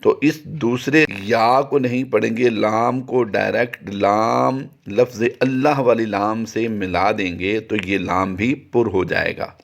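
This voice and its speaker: Slow, patient male Quran reading teacher. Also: steady tone, gravelly. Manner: slow, patient explanation, chanting the sample words long and high. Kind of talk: recorded tajweed lesson.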